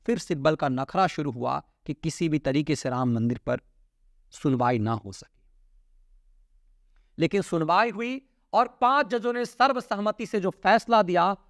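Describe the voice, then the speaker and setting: Middle-aged guy ranting news commentary at his desk, highish voice, dry close lapel mic, punchy drops at line ends. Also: no echo. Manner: emphatic, swinging pitch with sharp drops at phrase ends. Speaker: political commentator and show host. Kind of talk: opinionated news commentary to camera. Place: indoor studio with virtual set. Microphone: lapel mic, seated at desk.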